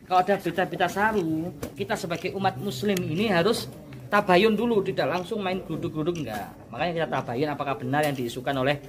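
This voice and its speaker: A man's voice: sits high, quick pace, noisy background. A man from Malang, East Java, hosting a vlog and lecturing insistently as he leads a confrontation with the crowd. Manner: preachy, insistent, exhorting. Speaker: vlogger leading a confrontation.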